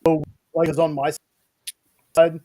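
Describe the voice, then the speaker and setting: A man chatting as a podcast co-host, his voice breaking up and cutting out over a glitchy video call, talking in halting bits. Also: on the high side, little pitch movement, warm tone, no room sound. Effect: choppy, freezing video-call audio that breaks up.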